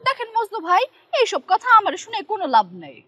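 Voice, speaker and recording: An actress playing a feisty, sharp-tongued young village woman. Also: very high voice, very animated, quick pace, heavily acted. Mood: teasing. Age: young adult. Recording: background music.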